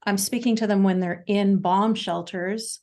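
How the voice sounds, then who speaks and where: Speaking as a guest on a casual podcast interview, a Canadian woman in her forties stumbles along with many fillers and restarts. Her medium-pitched voice is mellow and keeps an even tone.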